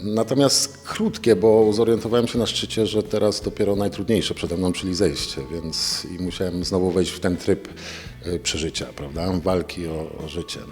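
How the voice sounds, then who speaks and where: Low-voiced man in a reverberant hall. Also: fairly even intonation, moderate pace, a little mellow. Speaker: mountaineer being interviewed. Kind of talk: spontaneous interview answers. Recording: very reverberant hall, music behind.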